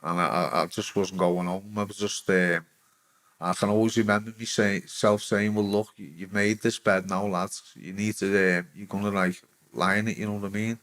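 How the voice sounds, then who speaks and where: A middle-aged man with a Liverpool accent, a former footballer telling his own story bluntly in an interview, with heavy swearing and halting restarts. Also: fairly low pitch, level tone, a bit bright. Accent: Liverpool Scouse. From England. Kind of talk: candid personal storytelling.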